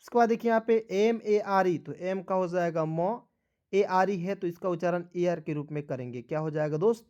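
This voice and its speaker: A man's voice: high-pitched, normal speed, a little mellow, clear, resonant tone, muffled recording. A man teaching English spelling and pronunciation, drilling each word and asking the viewers questions back. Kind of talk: spoken spelling lesson.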